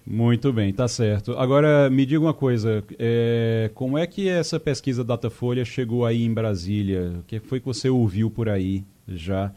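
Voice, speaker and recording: A man's voice: medium pitch, moderate pace, few pauses, warm tone. A man hosting a radio political talk show, chatting and reacting to a correspondent. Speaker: radio host.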